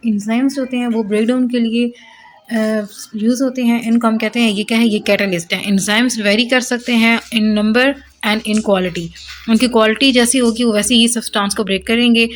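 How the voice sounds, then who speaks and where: A woman teaches biology at a whiteboard in lecture style, explaining step by step and asking questions that she answers herself. She speaks Hindi with English terms mixed in. Her voice is fairly high, her intonation fairly even, and her pace moderate.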